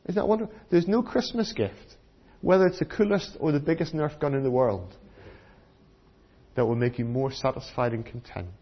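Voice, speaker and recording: A man's voice: mid-range voice, moderate pace, highs cut off. A British man giving a children's sermon, teaching like a kids' presenter with simple questions put to the listeners. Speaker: preacher giving a children's talk. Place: church.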